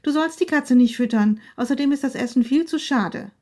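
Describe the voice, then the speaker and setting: Eine sonst sanfte Ehefrau, von einer Frau gesprochen, die hier schimpft und zurückfaucht. Die Stimme liegt etwas höher und klingt warm und gedeckt, wie in einem vorgelesenen Hörbuch. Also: female voice, sits high, moderate pace, voice pushed up, lightly acted. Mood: scolding. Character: soft-natured wife, sharp when pushed.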